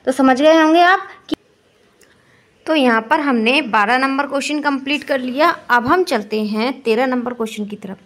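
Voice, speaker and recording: A woman's voice: sits high, moderate pace, fairly bright tone. A woman teaching an exam-prep lesson, asking and answering her own questions and repeating key phrases.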